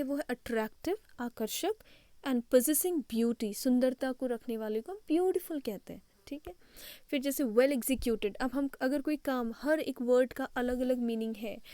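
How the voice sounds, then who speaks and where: Lady teaching english in hindi and english, spells words out, mellow kinda high voice. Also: no room sound. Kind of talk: online English lesson in mixed Hindi and English.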